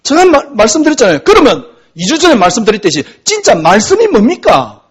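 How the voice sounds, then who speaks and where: Male pastor, sermon delivery, conversational with rhetorical questions, high-pitched and husky. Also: huge pitch swings, fast.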